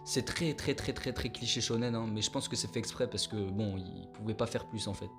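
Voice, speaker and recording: A man's voice: lowish voice, fairly quick. Laid-back slangy young man, music behind. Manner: self-mocking, joking asides. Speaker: anime YouTuber. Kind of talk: casual anime review vlog. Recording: clear background music under voice.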